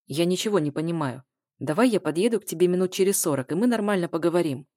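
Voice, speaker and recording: A woman reading a calm, even-toned man. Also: on the low side, fast talker, no echo, studio quality. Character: calm grown man, the narrator's ex-lover.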